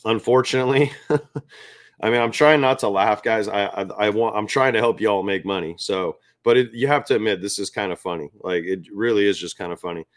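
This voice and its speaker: A man hosts a sports betting picks show, talking casually to camera in a fairly low voice that runs a little fast with hardly any pauses. He's chatty, loose and amused with himself, addressing his viewers directly as "guys."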